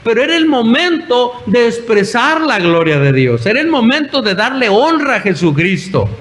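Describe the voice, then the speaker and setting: High-voiced preacher. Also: male voice, big pitch swings, normal speed, fairly bright tone, low-quality recording. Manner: storytelling preacher, acts out quoted voices, chuckles often. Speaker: pastor. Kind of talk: sermon.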